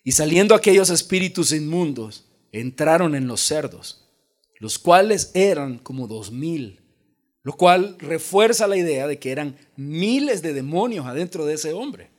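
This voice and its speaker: A pastor from El Salvador preaching a lively sermon, joking and acting out the voices in the story. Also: male voice, fairly high pitch, a little slow. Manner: animated preaching with jokes and acted-out voices.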